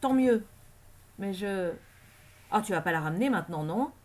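A woman's voice: mid-range voice, animated, normal speed, a little hiss or hum, close to an everyday voice. A woman reading the lines of a brutal, scornful male gang leader, jeering and bullying.

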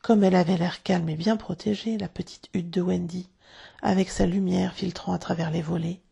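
Woman reading a kids' storybook, gravelly breathy voice, calm and measured. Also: lowish voice. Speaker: narrator.

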